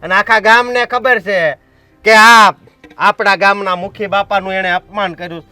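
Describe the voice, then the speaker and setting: A man's voice: high voice, fairly even intonation, moderate pace, sharp tone, smooth, dry recording, soft background music. A man playing a stubborn village enforcer in a short film, bossy and threatening. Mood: stern. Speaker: village strongman blocking the road. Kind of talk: short film drama acting.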